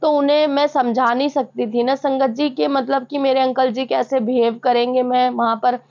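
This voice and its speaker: A woman's voice: sits high, flat delivery, normal speed, a little mellow. A young woman earnestly recounting a personal devotional experience to fellow devotees, often addressing them directly. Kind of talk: emotional testimony to a devotional audience. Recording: slightly dull lo-fi sound.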